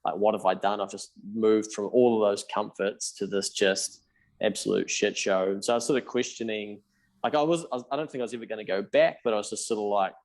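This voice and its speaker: Appearing on a podcast, a thirty-something accountant who founded a business speaks in a lowish voice at a fairly quick clip. He has a New Zealand accent, talks frankly with casual swearing, and reenacts old conversations.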